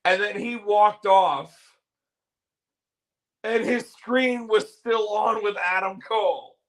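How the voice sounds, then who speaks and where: Slow-talking, excitable male podcast co-host. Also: high-pitched. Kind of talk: casual chat.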